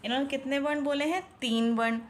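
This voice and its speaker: A high-voiced woman explains a children's Hindi worksheet, stretching each syllable slowly and asking the viewer what each picture shows. She mixes English words into her Hindi, with a faint hiss behind her. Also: steady tone. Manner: slow, drawn-out syllables when sounding out words, questions to the viewer. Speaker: Hindi tutor.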